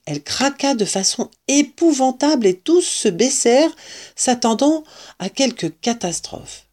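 A woman reading a children's storybook aloud as narrator, slowly and expressively. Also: sits high, animated, darkish tone.

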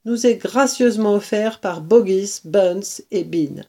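A woman reading a storybook aloud, voicing a jolly, boastful male fox who rallies his family and sings little songs. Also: mid-range voice. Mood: jovial. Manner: shouting cheerfully, sings slow little songs.

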